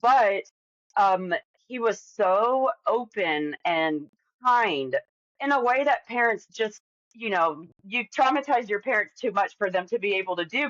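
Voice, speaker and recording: A woman's voice: medium pitch, a bit bright, no room sound, dull audio. A woman in her forties, talking candidly and at length as a podcast guest, with lots of fillers and restarts. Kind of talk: casual interview conversation.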